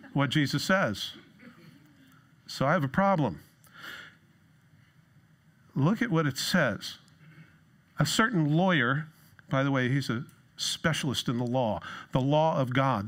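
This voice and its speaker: A middle-aged man preaching from a church stage, lively and sarcastic, jumping into a higher voice when he quotes someone. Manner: lively, jumps into a high voice for quoted lines. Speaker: pastor. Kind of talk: sermon.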